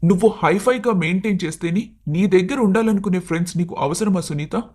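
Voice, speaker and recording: A man voicing a patient young husband in an animated story, reasoning and pleading with his wife, now and then angry. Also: sits high, quick pace. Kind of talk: animated cartoon story voice acting.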